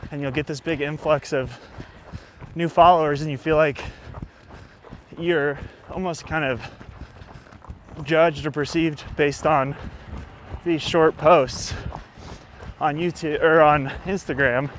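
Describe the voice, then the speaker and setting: A man asking questions in a casual, slightly halting conversational way, as an interviewer outdoors. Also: a little high, fairly even intonation, a little hiss or hum.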